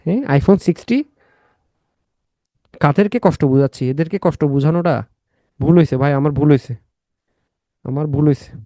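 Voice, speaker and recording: A young man teaching an exam-prep literature class in a fairly high voice. He repeats key facts and slips into joking chatter with his students. The recording is close and dry. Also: fairly even intonation, a little fast, pauses often, warm tone, no room sound. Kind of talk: live online lecture with banter.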